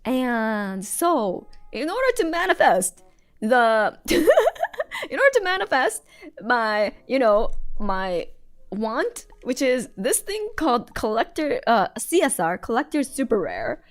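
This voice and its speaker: Giggly woman with a lively voice. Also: a little high, slow pace. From United States. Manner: giggly, chatty, trails off and restarts. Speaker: streamer. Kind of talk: casual livestream chat while drawing.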